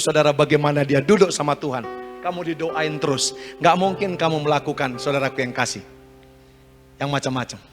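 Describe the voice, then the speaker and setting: A man preaching a sermon as pastor, leading call-and-response and swinging between loud exhortation and quiet asides. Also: on the high side, in a large hall. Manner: call-and-response preaching, rising and dropping sharply.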